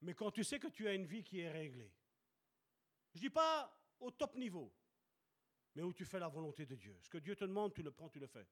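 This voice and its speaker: A man's voice: sits high, very animated, fairly quick. A man preaching a sermon at a church service, emphatic and repeating short commands.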